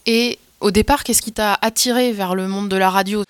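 A woman's voice: mid-range voice, steady tone, moderate pace, no room sound, clean studio sound. Hesitant woman interviewer. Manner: hesitant, searching for words. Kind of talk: interview questions.

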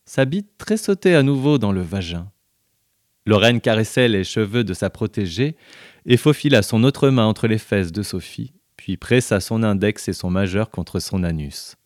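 A man reading a story aloud on the radio in a measured, even storytelling voice. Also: lowish voice, dry recording, studio quality. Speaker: guest reader.

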